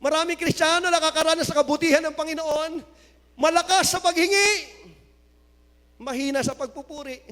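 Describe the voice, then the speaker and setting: A male pastor preaching a sermon, mixing Tagalog and English and rising to loud exclamations of praise. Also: very high-pitched, steady tone, moderate pace. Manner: mixes Tagalog and English, reads scripture aloud. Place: church hall. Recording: hall reverb.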